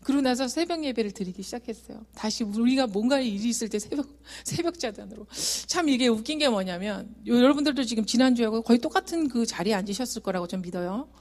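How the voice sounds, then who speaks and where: A woman's voice: on the high side, animated, quick pace, hardly any pauses. Earnest woman giving church testimony. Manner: earnest and emotional, swings from soft to loud. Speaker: guest speaker giving testimony. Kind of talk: emotional testimony sermon. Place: church sanctuary.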